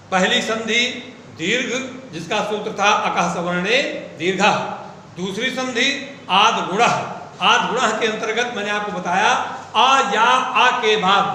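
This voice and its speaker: Slow, high-voiced man teaching in echoey room. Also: bright, forceful tone, recorded from a distance, slight background noise. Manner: slow, repeats key points and asks questions to the class. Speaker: Sanskrit grammar teacher. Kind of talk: classroom lesson.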